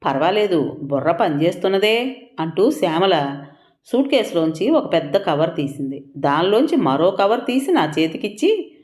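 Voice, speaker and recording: A woman's voice: lowish voice, very animated, normal speed, a little mellow, echoey room. A woman narrating an audio story in the first person, telling it expressively.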